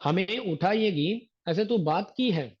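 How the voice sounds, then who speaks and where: A man giving a devotional discourse, his voice fairly high yet mellow and dark in tone. He explains sacred verses through homely examples and light humor, reciting the scripture lines slowly. The recording is dull and lo-fi. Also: expressive, breathy edge. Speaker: religious teacher.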